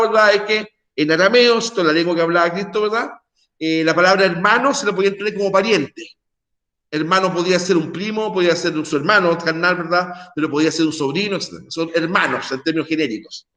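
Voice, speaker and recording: High-voiced teacher, echoey room. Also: male voice, fast, sharp tone. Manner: conversational, full of tag questions and restarts. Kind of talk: recorded online class lecture.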